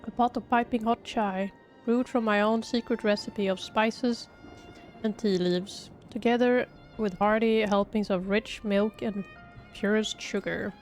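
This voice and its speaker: Gentle village chai brewer, read by a woman. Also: mid-range voice, steady tone, a little slow, soft background music, natural voice. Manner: polite, formal, old-fashioned phrasing.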